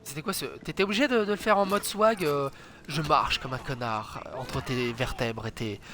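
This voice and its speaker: A man giving chatty let's play commentary, swearing a lot and breaking into loud exclamations. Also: mid-range voice, moderate pace, faint music behind. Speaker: gaming channel host.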